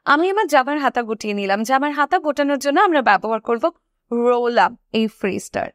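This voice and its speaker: A woman with a Bengali accent teaching English, slowly repeating each example sentence with careful pronunciation. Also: on the high side, expressive, a bit bright, dry recording, clean studio sound. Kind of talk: language lesson.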